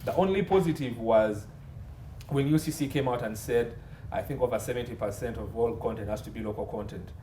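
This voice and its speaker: In a warm, medium-pitched voice at a fairly quick pace, a Ugandan man appears as an interview guest specializing in entertainment and media law. He stresses his explanations and arranges them in lists, against a roomy echo and faint background noise.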